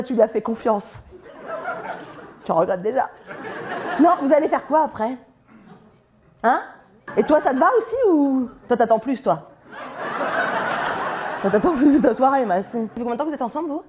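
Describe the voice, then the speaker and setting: A woman stand-up comedian doing teasing, laughing crowd work with her audience on stage. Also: sits high. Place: comedy venue with a live audience. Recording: echoey live room, audience noise.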